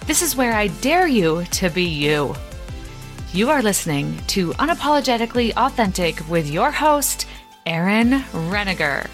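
A woman's voice: mid-range voice, very animated, a little slow, soft background music. Woman reading an emphatic podcast intro. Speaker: podcast host. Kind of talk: scripted motivational podcast intro.

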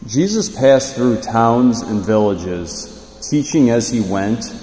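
A man, a priest, reading the Gospel and preaching a homily in a large church, speaking slowly and measuredly with loose fillers as he preaches, his voice carried on a long church echo. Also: mid-range voice, animated, mellow, faint music behind. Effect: echoing church reverb. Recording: roomy hall with long reverb.

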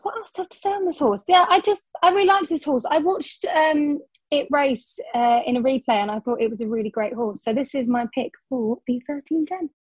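On a casual racing tips podcast, a young woman co-host chats briskly in a high voice, full of ums and correcting herself along the way. The recording is rough, with no room sound.

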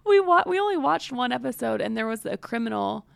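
A young woman co-hosting a podcast, telling stories in lively casual chat. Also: fairly high pitch, brisk, creaky, no room sound. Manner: animated storyteller, breaks into loud chants. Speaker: podcast co-host.

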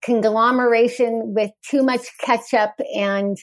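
A woman's voice: a little high, fairly even intonation, a little slow, no room sound. A woman in her forties, a guest author in a candid podcast interview, talking frankly with wry humor and easy laughter.

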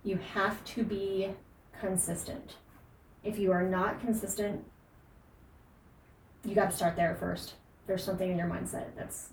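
A woman's voice: medium pitch, a little mellow, reverberant. Woman fitness podcast host, emphatic and earnest, distant mic with faint noise. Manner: emphatic, earnest, frequent fillers and laughs. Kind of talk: casual podcast advice.

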